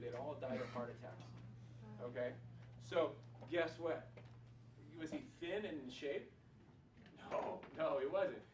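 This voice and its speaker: A middle-aged chiropractor giving a casual, rambling motivational talk to a group, full of "like" and repeated words. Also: male voice, on the high side. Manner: casual, filler-heavy, repeats himself. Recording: echoey room, far from mic, noisy.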